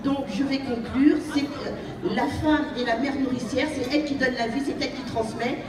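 A Frenchwoman, invited as guest speaker, delivers an earnest, exhorting speech to an audience in a banquet hall, repeating phrases for emphasis. Her voice sits high with a steady tone at normal speed, captured by a distant mic in an echoey hall with crowd noise.

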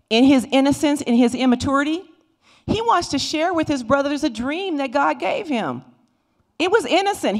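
Animated woman teaching Sunday school. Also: high-pitched. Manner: animated storytelling, voices the Bible figures. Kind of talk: Bible lesson teaching. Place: church sanctuary. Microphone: handheld microphone.

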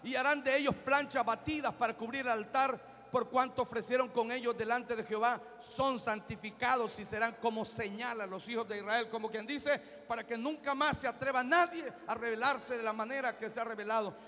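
A man preaching a sermon as pastor, reading scripture and breaking into shouted exhortations. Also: very high-pitched, fairly quick. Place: church. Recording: hall reverb with faint music.

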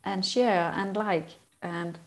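Creaky-voiced woman co-hosting a chat. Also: mid-range voice, steady tone, slow pace. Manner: rambling, laughing, self-correcting. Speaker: co-host. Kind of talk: casual podcast chat.

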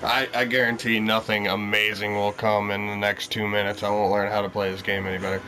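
A man's voice: on the low side, little pitch movement, brisk, pushed and bright. A man joining a casual co-op gameplay session, dry and self-mocking, exclaiming when frustrated. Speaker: co-op gaming guest.

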